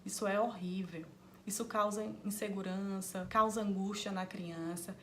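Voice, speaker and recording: A woman with a Brazilian Portuguese accent, hosting a parenting channel and calmly explaining tips to parents straight to camera. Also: mid-range voice, normal speed, a little hiss or hum. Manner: calm, directly advising parents.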